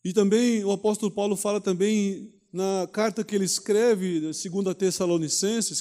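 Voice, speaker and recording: High-voiced pastor in an echoey hall. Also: male voice, dark tone. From Brazil. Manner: conversational preaching, asks rhetorical questions, frequent "né?". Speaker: pastor teaching a Bible study. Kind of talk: sermon teaching.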